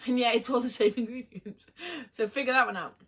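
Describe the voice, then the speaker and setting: A young woman from the United Kingdom casually chatting while taste testing snacks, playful and quick to laugh. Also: a little high, steady tone. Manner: giggly, playful, laughs a lot. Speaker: vlogger. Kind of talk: casual taste-test chat.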